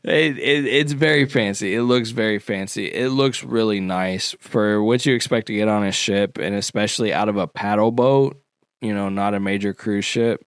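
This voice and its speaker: Laid-back man, smooth voice. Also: fairly low pitch, moderate pace, dry recording, studio quality. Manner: laid-back, explains history with slang and fillers. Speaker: podcast co-host. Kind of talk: casual podcast chat.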